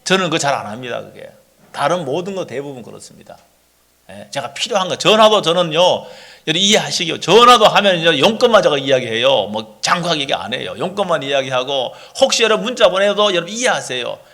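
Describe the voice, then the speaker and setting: Speaking fast in a fairly high pitch, a middle-aged pastor delivers a lively sermon. He keeps asking his congregation rhetorical questions.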